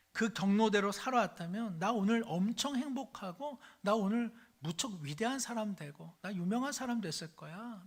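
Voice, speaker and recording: A pastor preaching a sermon in a church sanctuary. He tells everyday stories in a lively way and acts out each character as he goes. The pace and loudness rise and fall with the story. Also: sits high.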